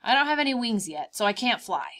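In a picture-book read-aloud, a woman voices a cheerful, boastful young praying mantis, speaking expressively and emphatically and stretching out her words. Her voice is a little high and quick, and she sounds excited and wide-eyed.

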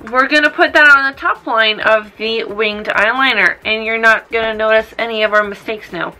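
Tipsy girl in her 20s rambling thru a makeup vlog, kinda high bright voice, sweary. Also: moderate pace, faint music behind, low-quality recording. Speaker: makeup vlogger. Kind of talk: casual makeup tutorial chat. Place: small room indoors.

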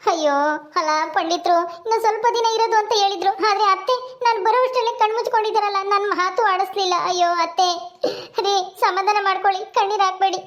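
A woman playing an anxious young daughter-in-law in a village family drama, with a fast, fussing manner. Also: very high voice, steady tone.

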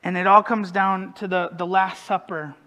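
A man's voice: sits high, level tone, normal speed, sharp tone. A male pastor preaching a casual sermon, conversational and self-deprecating, who often puts questions to the congregation. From northern United States.

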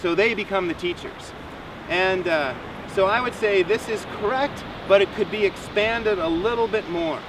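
On a sandy beach by the surf, a man in his thirties teaches rainwater harvesting, explaining step by step and encouraging his student. His voice is high and his pace moderate. A distant outdoor mic picks up waves and wind.

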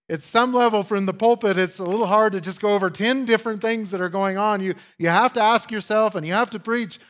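A man's voice: sits high, fairly bright tone. A male pastor giving a conversational teaching sermon, with asides and emphatic repetition.

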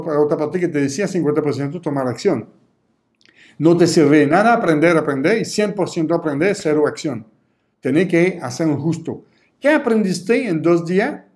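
A man's voice: on the high side, a little mellow. A man teaching an online sales course, repeating himself and acting out customer chats in little voices. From Canada. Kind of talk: energetic sales lesson.

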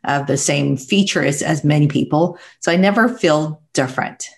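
A middle-aged woman from Taiwan, a guest speaking earnestly and reflectively with soft laughs, heard over earbud mic on a video call from a home room. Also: deep voice, normal speed, vocal fry. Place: home room with bookshelves, indoors. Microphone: wired earbuds headset on video call.

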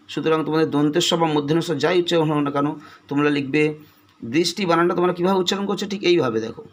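A man teaching an exam-prep lesson, patiently breaking words into single sounds, with a West Bengal Bengali accent. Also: fairly high pitch.

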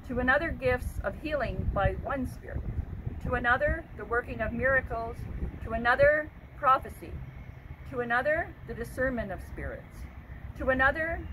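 An older woman giving a measured scripture reading as a lay reader. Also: high-pitched, animated. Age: older, 60s or above. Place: outdoors by a brick house. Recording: outdoor recording, faint traffic noise.

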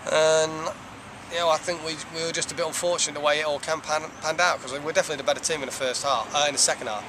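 Brief: thirties male coach, quick postgame talk, slightly high voice, traffic noise behind. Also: fairly even intonation. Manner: measured, reflective, frequent "you know". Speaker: head soccer coach. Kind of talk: postgame interview. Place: outdoors by a stone wall.

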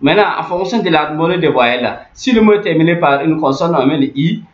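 Male teacher, slightly high voice; patient, repetitive explaining; roomy, dull lo-fi recording. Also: animated, fast. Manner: repeats phrases, many fillers, muttering asides. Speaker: language teacher. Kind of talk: explaining on-screen lesson. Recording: echoey room, dull lo-fi sound.

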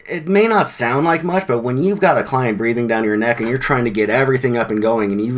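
A man presenting at a developer meetup in a relaxed, conversational way. His voice sits at an ordinary pitch for a man. He talks informally, with plenty of slang, fillers and quick restarts. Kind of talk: casual presentation.

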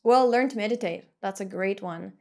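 A woman in easy conversation on a podcast, talking in a mid-range voice. She is relaxed and chatty, dropping in fillers as she explains her ideas. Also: mid-range voice, moderate pace. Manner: easygoing, laughs lightly, uses fillers. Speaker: podcast co-host.

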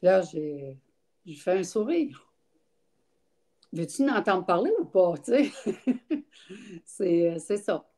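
An older woman with a Quebec French accent gives casual, frank testimony as an interview guest on a video call, through her laptop webcam in a room at home. Her mellow voice sits on the low side, with lively intonation, a slow pace, long pauses and many fillers.

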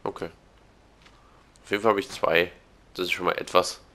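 Low-voiced german gamer dude, bright crisp tone, chill, talking about stuff he finds in the game. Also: flat delivery, normal speed. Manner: laid-back, narrates what he finds in the game. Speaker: let's play co-player. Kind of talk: casual gaming banter.

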